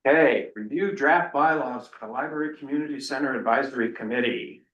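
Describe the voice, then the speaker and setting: A man's voice: medium pitch, a little fast, a bit bright, highs cut off. A man chairing a town meeting, firm and procedural as he runs through motions and keeps order. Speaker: selectboard chair. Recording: echoey meeting room.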